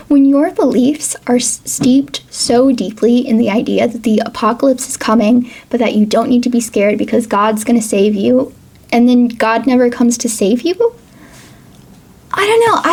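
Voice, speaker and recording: A woman's voice: on the high side, darkish tone. A woman hosting a casual geography explainer, chatty and full of "like" and "um", who reads book passages aloud. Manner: chatty, frequent "like" and "um". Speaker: geography video host.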